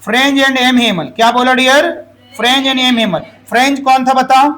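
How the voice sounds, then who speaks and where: A man's voice: very high-pitched, steady tone, normal speed, bright, forceful tone. A man teaching an English grammar lesson, firing questions at the class and having them repeat the answers. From Jharkhand, India.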